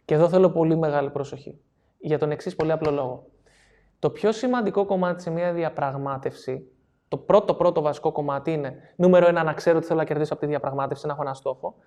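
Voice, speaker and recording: A man's voice: fairly high pitch, darkish tone. Male coach giving a seminar talk: explanatory, repeats key points, checks understanding. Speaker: NLP coach.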